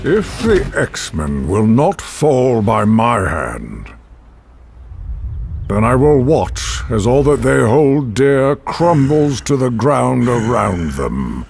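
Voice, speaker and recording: An actor playing a proud, menacing older mutant supervillain in a video game, speaking in a haughty, theatrical way. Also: male voice, mid-range voice, big pitch swings, slow pace, creaky, a little mellow, faint music behind, full character voice. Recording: game cutscene with noise underneath.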